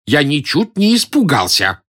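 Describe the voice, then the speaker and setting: A man's voice: medium pitch, sing-song, normal speed, fairly bright tone, voice pushed up. A man playing a timid, pedantic elderly male professor in an audiobook, whining and indignant. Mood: fussy, whiny. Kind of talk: audiobook character voice.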